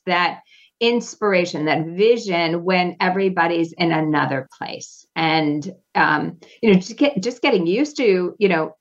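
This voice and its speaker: Slow-talking woman guest on a dull line. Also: fairly low pitch. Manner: thoughtful, asks herself questions aloud. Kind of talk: radio interview chat.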